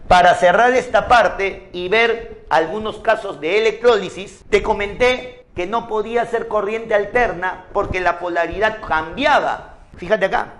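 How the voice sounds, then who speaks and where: A man's voice: high voice, a bit bright. A man, teaching an exam-prep chemistry lesson, who asks and answers his own questions and drills memory tricks by repetition.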